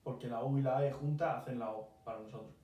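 This English teacher hails from Murcia, Spain, and speaks with a Murcian Spanish accent in a mid-range, dark voice that is fairly even and quick. He patiently walks a single learner through English pronunciation in a casual lesson, heard through a distant mic in a very echoey room with faint noise.

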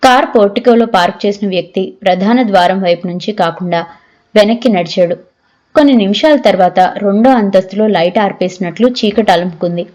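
Mellow-voiced woman reading a novel aloud. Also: medium pitch, fairly quick. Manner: steady storytelling, voices each character lightly. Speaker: audiobook narrator.

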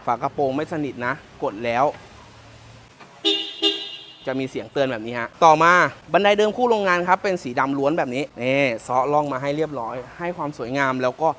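A man's voice: medium pitch, a little fast, fairly bright tone, slight background noise. A man from Thailand giving a casual, joking walkaround of a pickup truck as a car salesman, often repeating himself. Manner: chatty and joking, repeats phrases.

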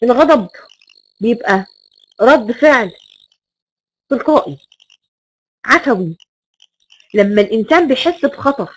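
A woman's voice: fairly high pitch, expressive, a little slow, pauses often, breathy edge, poor audio. A woman with an Egyptian Arabic accent giving a recorded lecture, stressing key words and repeating rhetorical questions.

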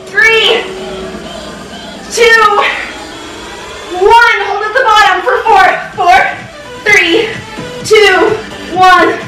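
A woman's voice: extremely high pitch, steady tone, extremely slow, long pauses, pushed and bright. A young woman working as a fitness instructor, counting workout reps with short encouraging commands while exerting herself. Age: young adult. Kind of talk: leading a home workout. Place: indoor home gym with curtains, hard floor. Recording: roomy echo, distant mic, music behind.

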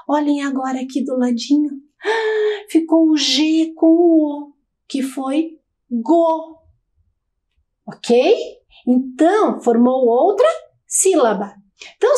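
Brazilian woman teacher for a kids' TV lesson, high and lively, slow and encouraging. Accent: Brazilian Portuguese. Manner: slow, sing-song, encouraging and explaining. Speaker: primary school teacher. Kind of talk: televised children's lesson.

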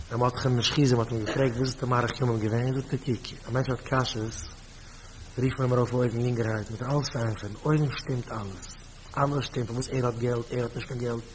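Emphatic Yiddish-accented rabbi preaching. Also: male voice, medium pitch, a little hiss or hum, low-quality recording. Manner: storytelling, repeats phrases, rises to emphatic bursts. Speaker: rabbi giving a talk.

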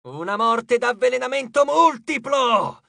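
A man voicing a vengeful female goddess of misery who growls slow, drawn-out threats in an audiobook. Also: very high voice, animated, creaky, bright, forceful tone, dry recording, studio quality, voice pushed up, exaggerated voice. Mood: menacing.

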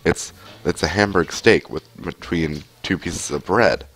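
Chatting through a headset mic while streaming a game at home, a young man with a cold rambles along, full of fillers. His low voice is unhurried with a slightly bright edge, and the audio quality is poor.

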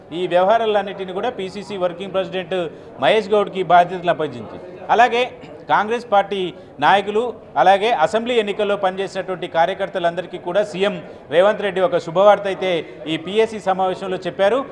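Guy in his 30s doing a live field report, high voice, lots of "uh" fillers, handheld mic outside. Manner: steady report with filler sounds. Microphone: handheld channel mic.

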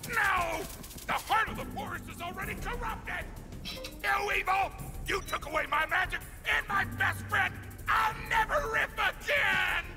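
An actor playing a boisterous, brash barbarian bard in a video game, with loud, dramatic outbursts and game music behind him. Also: male voice, very high voice, a little slow, vocal fry, exaggerated voice. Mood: outraged.

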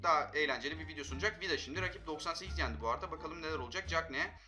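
A young man commentating his own mobile football match, excitable and quick to vent frustration at his players. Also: on the high side, faint music behind. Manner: excitable, frustrated outbursts at teammates. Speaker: gaming channel host.

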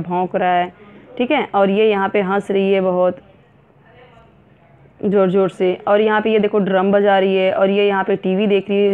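A woman teaches a school science lesson at a middle pitch. She reads English lines slowly, then breaks them down in Hindi with many pauses and fillers. The recording is narrow and tinny, like a phone line. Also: clear, resonant tone. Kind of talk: classroom lesson explaining a textbook.

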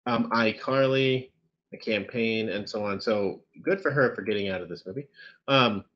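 A man's voice: on the low side, normal speed, fairly bright tone, lo-fi sound. A man co-hosting a casual film review chat over a video call, talking in a dry, sarcastic way. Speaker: podcast co-host reviewing films.

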